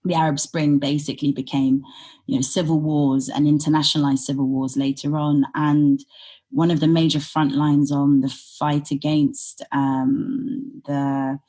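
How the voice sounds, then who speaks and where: A woman's voice: low-pitched, level tone, measured pace, mellow. A woman in her thirties from Sudan, raised in Britain, speaking as a podcast guest. She tells her stories in a reflective, thoughtful way, with frequent fillers. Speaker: podcast guest, humanitarian consultant. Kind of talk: conversational interview storytelling.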